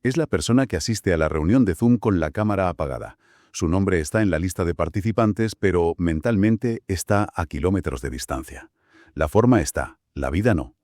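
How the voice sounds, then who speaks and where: A man from Spain co-hosting a Bible study podcast, explaining in a measured way. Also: low-pitched, lively intonation, a little mellow, no echo, clean studio sound. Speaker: podcast co-host.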